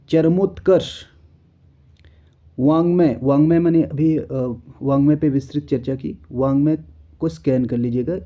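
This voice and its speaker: A man teaching an exam-prep spelling lesson, explaining step by step and often checking in with the learner. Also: fairly high pitch. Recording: dull lo-fi recording.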